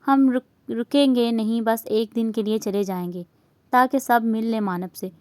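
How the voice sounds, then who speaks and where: A woman with an Urdu accent reading a romance novel aloud, voicing dialogue and narration in a steady, even way. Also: fairly high pitch, unhurried, dry recording. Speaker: novel reader.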